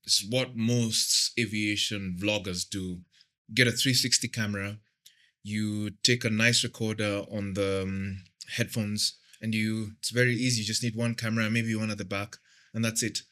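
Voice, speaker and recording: Easygoing man, podcast guest, bright tone, jokes often. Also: on the low side, fairly even intonation, normal speed. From Kenya. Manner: easygoing, joking. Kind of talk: casual podcast chat.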